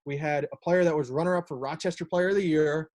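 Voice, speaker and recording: Rambling young coach on a call. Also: male voice, a little high, steady tone, quick pace, darkish tone. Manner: rambling, many fillers and restarts. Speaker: college lacrosse assistant coach. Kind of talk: casual talk on a video call. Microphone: video call.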